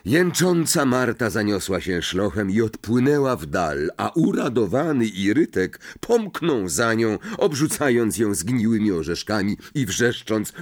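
A man narrating an audiobook with a husky, low-pitched voice. He reads slowly and expressively, and his pitch moves over a wide range. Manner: measured, expressive storytelling. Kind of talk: audiobook reading.

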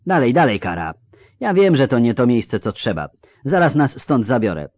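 A man's voice: medium pitch, very animated, normal speed, a little mellow, dry recording, studio quality, voice pushed up. A man voicing a weary, self-mocking young woman in a read-aloud story, raising his voice for her. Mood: frustrated, urging.

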